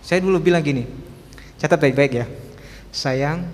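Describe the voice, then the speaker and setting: A man voicing a poor, sweet-talking husband in a joke, speaking gently and pleadingly. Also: a little high, moderate pace, in a large hall, natural voice.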